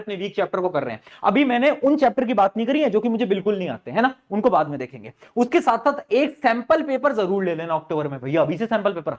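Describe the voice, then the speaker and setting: High-voiced man coaching students. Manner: coaxing, asks rhetorical questions and answers them; calls students "beta", informal and direct. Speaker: teacher. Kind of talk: study-planning advice to students.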